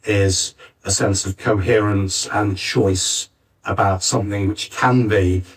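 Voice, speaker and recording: A man in his late fifties, a playwright and theatre director, speaks informally as a panelist at a live panel in an arts centre theatre. His voice is fairly low and fairly even in intonation, slow-paced, with a slight hiss or hum. The backup live recording is distant and uneven in quality.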